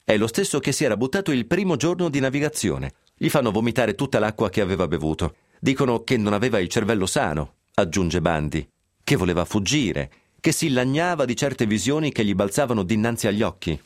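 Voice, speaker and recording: A man's voice: on the low side, animated, fairly quick, dry recording, clean studio sound. A man reading a scripted history piece on the radio, telling it with a wry, ironic edge and sly asides. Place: radio studio.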